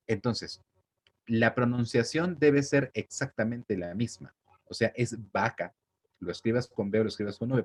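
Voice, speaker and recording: A man's voice: on the low side, darkish tone. A young man, explaining spelling in a patient, conversational way and checking that the listener follows. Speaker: teacher. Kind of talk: spelling lesson.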